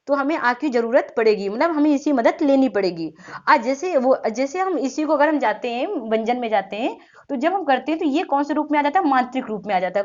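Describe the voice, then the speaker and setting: High-voiced woman teaching, quizzing herself. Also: dull audio. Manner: repetitive, quizzing students and answering herself. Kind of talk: exam-prep grammar lesson.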